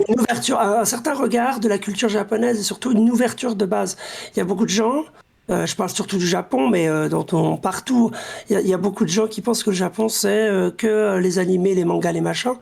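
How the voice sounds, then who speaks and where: Podcast co-host, very gravelly and raspy, eager, casual, gropes for words. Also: mid-range voice, fast talker, darkish tone. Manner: enthusiastic, searches for words. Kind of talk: casual chat.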